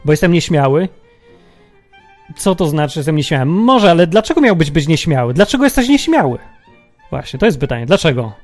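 A man with a notably high voice talks through a reflective religious monologue at his own pace. He muses aloud and keeps throwing rhetorical questions at the listener. Faint music plays in the background. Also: big pitch swings, a little fast. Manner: musing, many rhetorical questions. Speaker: podcast host.

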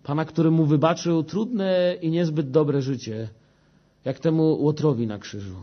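Earnest male preacher with a fairly high voice, telling his testimony on a dull lo-fi recording. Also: a little slow. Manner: earnest storytelling, often turning to the listeners. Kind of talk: personal testimony told to a congregation.

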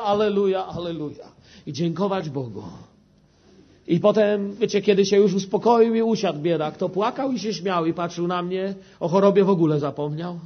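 Earnest male preacher with a fairly high voice, telling his testimony on a dull lo-fi recording. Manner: earnest storytelling, often turning to the listeners. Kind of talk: personal testimony told to a congregation.

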